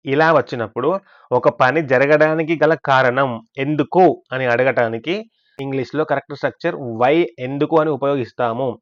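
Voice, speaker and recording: A man with a mid-range voice narrates a scripted English grammar lesson, explaining step by step and posing questions he then answers himself. The recording is muffled, with no room sound.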